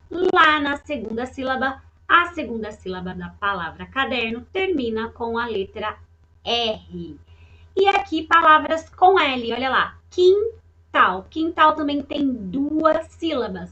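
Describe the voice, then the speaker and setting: A woman teacher speaks in a high, bright voice, slowly and deliberately, to a class of young children in a recorded online lesson. She repeats words patiently and keeps checking that the children follow. The sound is muffled and lo-fi, like a simple home computer mic. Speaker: primary school teacher.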